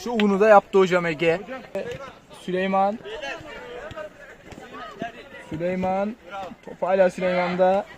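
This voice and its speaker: High-pitched man calling a football match. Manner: rises to excited drawn-out calls on shots and goals. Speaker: play-by-play football commentator. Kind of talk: live match commentary.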